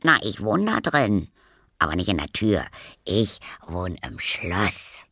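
A man voicing Zippel, a tiny, cheeky ghost who lives in a keyhole, with a squeaky, wondering voice. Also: big pitch swings, takes it slowly, sharp tone, slightly rough, no echo, studio quality, full character voice. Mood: matter-of-fact.

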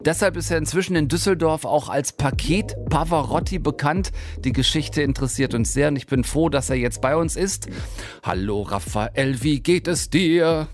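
A man's voice: fairly high pitch, normal speed, faint music behind. A man hosting a radio show, presenting and interviewing in a conversational way. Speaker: radio host.

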